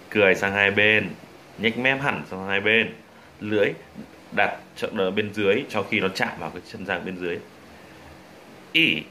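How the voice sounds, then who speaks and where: A young man with a Vietnamese accent teaches English pronunciation, drawing sounds out and repeating each drill word. His voice sits very low but rings bright and forward. Faint ambient noise hums behind him. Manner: demonstrates sounds slowly and repeats drill words.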